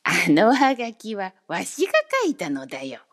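A woman's voice: fairly low pitch, very animated, unhurried, creaky, slightly rough, voice pushed down, exaggerated voice. A woman doing a sly, rustic goat-legged coachman. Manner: rustic country dialect, wheedling and easily hurt. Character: odd, bandy-legged little coachman with goat legs.

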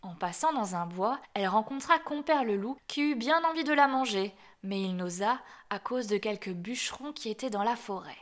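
A woman reading a classic fairy tale aloud in an expressive, measured storytelling manner. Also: fairly high pitch.

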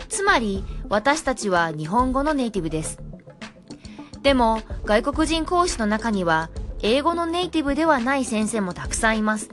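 A woman, an English teacher, giving parents advice in a clear, friendly, scripted talk. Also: a little high.

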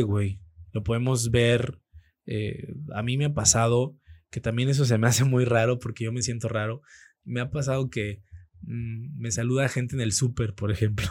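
A man speaking with a Mexican Spanish accent tells animated, slang-filled stories in a relaxed podcast chat. His voice sits at a medium pitch, and he fills the talk with frequent casual fillers. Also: no echo. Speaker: radio producer and host, guest.

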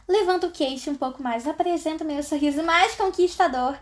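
A young woman casually reading a novel aloud, breaking off for sarcastic, slangy asides. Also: high-pitched. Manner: sarcastic, slangy asides between read passages. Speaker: reader.

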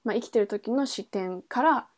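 A woman with a somewhat high voice speaks at a normal pace. She's a podcast host introducing a book, casually explaining a novel and thinking out loud, correcting herself as she goes.

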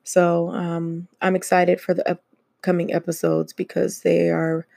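A woman's voice: lowish voice, monotone, measured pace, gravelly, dark tone, dry recording, clean studio sound. A woman hosting her own podcast, talking casually and laughing often between many fillers. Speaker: podcast host. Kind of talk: casual solo podcast chat.

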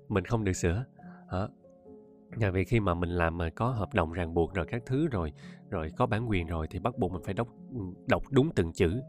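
A man's voice: deep voice, expressive, normal speed, darkish tone, soft background music. A man with a Southern Vietnamese accent, an audiobook narrator talking casually to his listeners, often laughing and addressing them directly. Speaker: audiobook narrator and podcast host.

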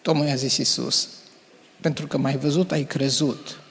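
Gravelly preacher reading in a hall. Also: male voice, mid-range voice, steady tone, a bit bright. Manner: measured, earnest reading. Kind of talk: reading scripture aloud to a congregation. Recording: reverberant hall.

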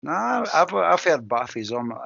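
A man with a Scottish accent co-hosting a podcast with jokey, excitable casual banter. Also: fairly high pitch, normal speed, gravelly, slightly rough, no room sound, muffled recording. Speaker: podcast co-host.

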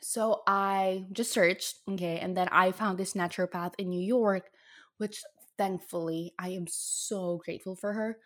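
A woman's voice: medium pitch, fairly even intonation, a little slow, fairly bright tone. A young woman casually telling a personal story in an earnest, emotional way, with lots of fillers. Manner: earnest, emotional, speaks in bursts with many fillers. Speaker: storyteller sharing a health journey.

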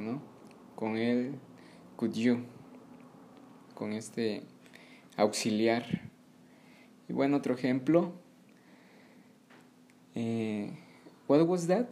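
Slow, mellow male teacher. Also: medium pitch. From Mexico. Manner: patient, repeats English phrases slowly. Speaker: podcast host and English teacher. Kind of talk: podcast language lesson.

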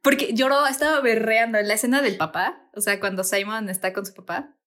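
A woman's voice: a little high, fairly quick, fairly bright tone. A young woman with a Mexican Spanish accent, co-hosting a casual podcast chat, joking and slangy. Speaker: podcast co-host.

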